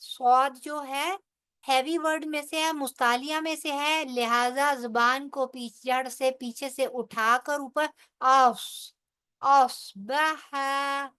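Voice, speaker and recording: A woman teaches the rules of Quranic recitation in a bright, high voice. She speaks at an unhurried pace, explaining each point step by step before reciting the words slowly. She checks in with her listeners often along the way. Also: steady tone. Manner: checks in with frequent "theek hai". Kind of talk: tajweed lesson with slow recitation.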